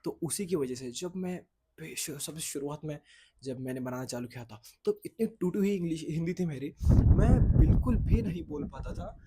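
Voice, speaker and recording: A young man whose native tongue is Marathi films a casual vlog outside in the sun at a boys' hostel, rambling and correcting himself, sometimes losing track. His fairly high voice is expressive and dark in tone at a moderate pace, with slight background noise.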